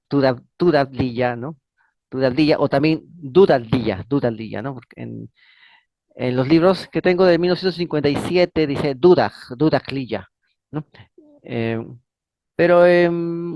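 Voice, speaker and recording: In a medium-pitched, darkish voice recorded without room sound, this channel host delivers an informal history talk. Fillers, restarts and repeated words fill his rambling, and many phrases end with a questioning "no?".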